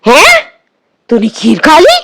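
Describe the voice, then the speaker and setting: A woman's voice: very high-pitched, huge pitch swings, slow, fairly bright tone, pitched above the performer's own voice, heavily acted. A woman voicing a group of young boys who tease and coax their friend. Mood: teasing. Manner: teasing, coaxing. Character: boy friends teasing, laughing, eager.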